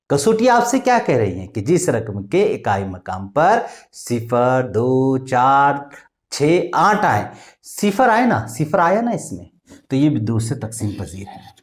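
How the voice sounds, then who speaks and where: A man with explains arithmetic in a slow, patient classroom manner. He poses questions to the pupils and chants times tables in a singsong. His voice swings widely in pitch, rising on questions and dropping low at the ends of lines. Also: darkish tone. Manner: recites multiplication tables in a singsong way. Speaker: math teacher. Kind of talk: classroom lesson.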